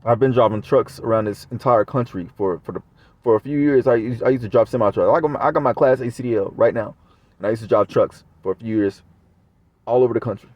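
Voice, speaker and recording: A man's voice: mid-range voice, quick pace, no room sound, dull audio. A man talking straight to his viewers in a casual monologue, rambling and swearing often. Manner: profane, rambling. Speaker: vlogger.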